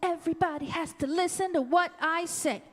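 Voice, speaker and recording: A bossy storybook king played by a woman makes loud demands in a high voice. The words are drawn out for young listeners. The hall echoes around the voice. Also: brisk, over music. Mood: indignant. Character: bossy, party-loving king in a children's story. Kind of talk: live children's storytelling.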